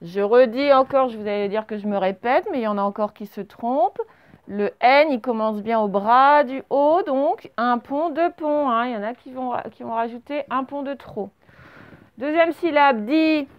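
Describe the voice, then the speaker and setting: A woman's voice: fairly high pitch, moderate pace, smooth, lo-fi sound. A woman teaching a children's dictation, stretching each word and spelling it out syllable by syllable. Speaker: primary school teacher.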